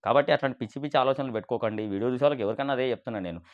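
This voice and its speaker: A man giving an animated motivational monologue as a business speaker, mixing English words into his speech. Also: medium pitch, racing, highs cut off.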